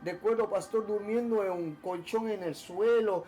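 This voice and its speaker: A man recounts his testimony to a pastor in an earnest, emotional way. His voice sits high for a man, and he often stalls and repeats words before pushing on. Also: warm tone. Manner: halting, with many repeated words and restarts. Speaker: church member giving testimony. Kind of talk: personal testimony told to a pastor.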